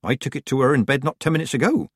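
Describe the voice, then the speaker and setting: A sour, worried housekeeper a man acting as a woman in an audiobook. She grumbles and disapproves with a sniff, her pitch rising and falling freely in a dry, close recording. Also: animated, rapid-fire, slightly rough, no room sound. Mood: disapproving.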